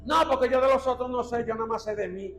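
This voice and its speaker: A man's voice: very high-pitched, fast talker, fairly bright tone, reverberant, faint music behind, voice pushed up. A man voicing an upset married woman who wants to leave her home, pleading and exasperated.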